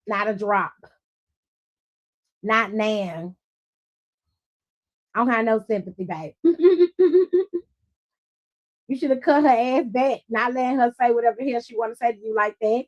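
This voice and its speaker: Woman host with a high voice, blunt and sassy, swearing and laughing through a casual recap. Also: unhurried, pauses often, muffled recording. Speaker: host of a wrestling after-show. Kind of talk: casual livestream recap chat.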